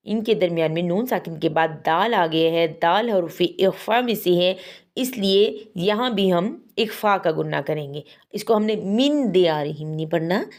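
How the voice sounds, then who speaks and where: A woman teaching Quran recitation rules in a patient, methodical way. She explains step by step and slowly models each pronunciation. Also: on the low side, darkish tone.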